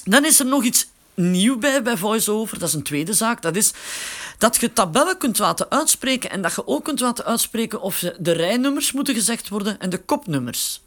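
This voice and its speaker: High, lively man explaining. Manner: explains slowly while working a phone, with filler words. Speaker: instructor. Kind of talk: casual spoken tutorial.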